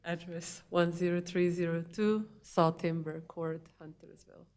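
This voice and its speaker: A woman with a Bulgarian accent speaks in a low register with very little rise and fall. She explains her case haltingly and informally, as an applicant at a public hearing. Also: steady tone, darkish tone. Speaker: applicant, homeowner. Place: public meeting room.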